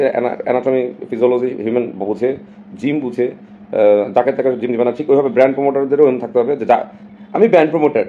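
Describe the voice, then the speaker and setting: A man's voice: mid-range voice, warm tone, dull audio, a little hiss or hum. A man from Bangladesh, talking casually and emphatically to his viewers on a live stream and slipping English phrases in.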